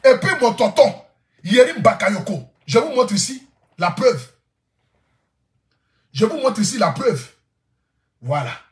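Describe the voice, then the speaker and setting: A man's voice: sits high, very animated, slow pace, pauses often, echoey room. A man telling a comic vlog story, boisterous, laughing often and repeating his phrases. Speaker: social media influencer. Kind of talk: casual comic vlog monologue.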